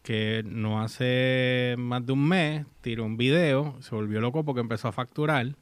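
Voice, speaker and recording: A man's voice: medium pitch, a little slow, smooth, no echo. Chatty man hosting a casual talk. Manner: chatty, reads English text aloud, mixes English words. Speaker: host. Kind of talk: casual chat.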